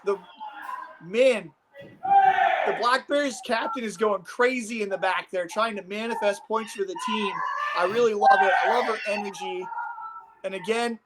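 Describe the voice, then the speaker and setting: This Omaha, Nebraska man has a voice that sits high and a moderate pace, with heavy noise behind him. In a rambling, coach-like, enthusiastic way, he casually commentates on martial arts sparring.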